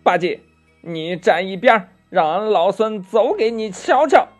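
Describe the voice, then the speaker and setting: A man's voice: high-pitched, expressive, unhurried, faint music behind, voice pushed up. A man voicing a clever, cheeky monkey king disciple who talks confidently and teasingly in a children's story.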